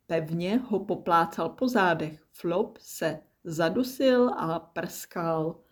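A woman calmly reading a children's story aloud. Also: on the low side.

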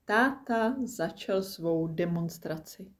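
A woman calmly reading a children's story aloud. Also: lowish voice.

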